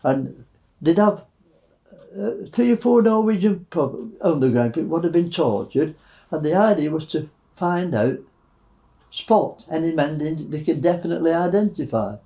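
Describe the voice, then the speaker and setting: A man in his nineties, a war veteran recounting wartime memories in a halting way, with many fillers. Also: on the high side, warm tone, rough recording. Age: 90s.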